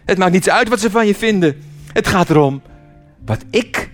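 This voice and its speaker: A man voicing a kind old male woodcarver who talks in a warm, reassuring, unhurried way. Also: high voice, animated, faint music behind, voice pushed up. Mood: tender.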